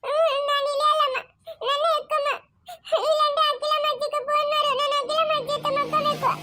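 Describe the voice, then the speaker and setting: A whimpering little girl, sick and clingy, begging in a very high, thin, singsong-flat voice, as a woman acts her out. The sound is bright and dry, close up with no room around it. She speaks in a family moral drama. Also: fast, no room sound. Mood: whiny tearful. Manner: whimpering, pleading to be carried.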